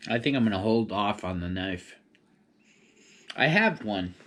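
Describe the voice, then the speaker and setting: A man's voice: fairly low pitch, lively intonation, unhurried, fairly bright tone. A man chatting casually on his own in a rambling, laid-back stoner manner. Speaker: vlogger. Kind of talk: casual solo rambling chat.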